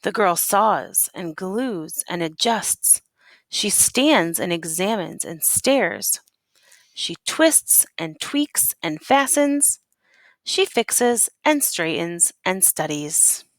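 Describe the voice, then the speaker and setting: A woman reads a children's storybook aloud in a teacher's manner, deliberate and slow, with lots of pitch movement. She puts dramatic weight on key words and poses questions to the children listening. The sound is close-miked and dry.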